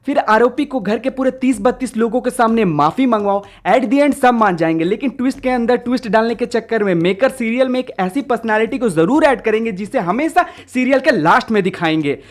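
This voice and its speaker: A woman with a fairly high voice delivers scripted comic roast commentary. She is sarcastic and exasperated, tossing in crude slang as she goes. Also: animated, fairly quick, hardly any pauses. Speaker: roast video host.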